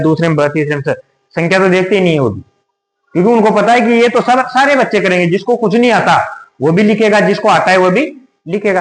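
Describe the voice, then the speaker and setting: High-voiced teacher in an echoey room. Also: male voice. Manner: repetitive, rhetorical questions. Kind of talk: exam tips lesson.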